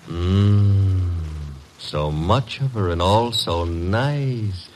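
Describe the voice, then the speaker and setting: Archie, low-voiced wisecracking detective's sidekick. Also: male voice, animated, extremely slow, heavily acted. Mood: smitten, flirtatious. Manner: breezy, slangy, wry. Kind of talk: 1940s-1950s radio drama acting and hard-boiled narration. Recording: noisy vintage radio recording.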